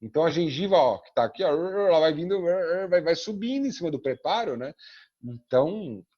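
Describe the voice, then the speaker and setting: A man with a Brazilian accent teaches a dental class over a video call, his slightly husky voice dull and lo-fi. He swings his pitch widely as he acts out little scenes with dentists and patients, checking in with his listeners again and again. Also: expressive, a little fast. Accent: Brazilian Portuguese. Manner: tags sentences with frequent "né?". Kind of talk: online class lecture. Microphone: computer mic on a video call.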